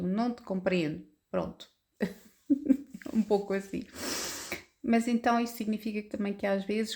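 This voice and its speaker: A woman's voice: mid-range voice, darkish tone. A woman in her forties with a European Portuguese accent, chatting casually to camera and laughing now and then. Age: 40s. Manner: chatty, laughs often, restarts. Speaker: vlogger.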